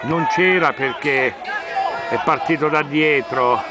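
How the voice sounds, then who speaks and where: A man giving excited amateur football commentary in repeated exclamations from behind a handheld camera outdoors. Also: takes it slowly. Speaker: amateur match videographer and fan. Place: outdoors at a small football ground. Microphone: handheld camera, operator behind it. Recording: noisy outdoor pitch, loud crowd. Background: crowd and loud outdoor noise.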